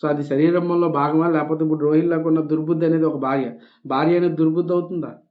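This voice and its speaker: A man's voice: fairly high pitch, steady tone, fast talker. A man reading a devotional text aloud and explaining it in casual speech, with small restarts and English words dropped in. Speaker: devotional reader. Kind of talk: scripture reading with spoken commentary. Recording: tinny phone-like recording.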